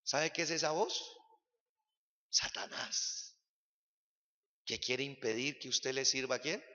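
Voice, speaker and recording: A man's voice: mid-range voice, moderate pace, pushed and bright. A man preaching a sermon as pastor, putting rhetorical questions to the congregation. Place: church sanctuary. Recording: long church-hall reverb, dull lo-fi sound.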